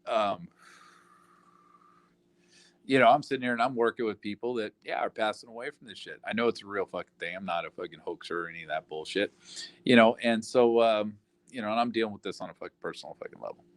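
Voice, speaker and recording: A man's voice: on the low side, quick pace, dry recording. A man ranting in casual talk, profane and rambling, full of fillers like "you know".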